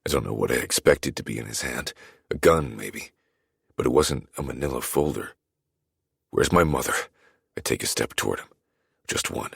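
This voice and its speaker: A man narrating a dark romance audiobook in the first person, in a brooding, measured way. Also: a bass voice, creaky, breathy edge, dry recording, studio quality.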